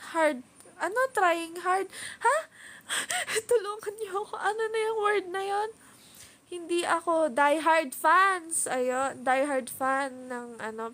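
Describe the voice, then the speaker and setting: Very high-voiced Filipino woman, slow and giggly. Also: a bit bright. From Philippines. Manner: giggly, chatty, reads viewer comments aloud. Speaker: livestream host. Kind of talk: casual live-stream chat. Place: at home.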